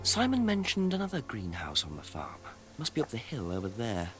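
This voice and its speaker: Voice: medium pitch, wildly swooping pitch, a little fast. An actor playing a polite, inquisitive detective questioning villagers in a video game. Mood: musing. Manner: polite, probing. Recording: loud music behind the voice.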